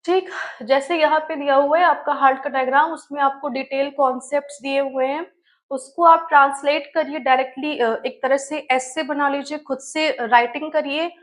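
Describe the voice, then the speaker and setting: A woman's voice: high voice, fairly even intonation, moderate pace. A woman biology teacher giving an online study-tips lesson, who explains step by step and keeps asking and answering her own questions, with terms.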